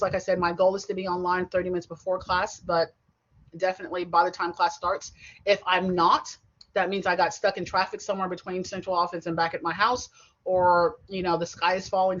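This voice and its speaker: A woman's voice: lowish voice, level tone, fast talker. A middle-aged woman teaching an online college class in a chatty, digressive way, with frequent asides and self-corrections. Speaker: college instructor. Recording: dull lo-fi video-call audio.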